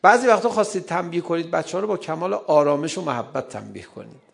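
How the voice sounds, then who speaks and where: Addressing an audience on parenting, this middle-aged man delivers a lively, funny lecture, frequently laughing and performing brief dialogues. His voice is fairly high-pitched, expressive and gravelly.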